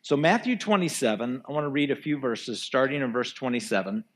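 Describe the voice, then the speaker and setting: A man's voice: mid-range voice, lively intonation, a little fast. Earnest man preaching. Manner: earnest, poses rhetorical questions to the congregation. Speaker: pastor. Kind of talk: sermon. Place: church before a live congregation.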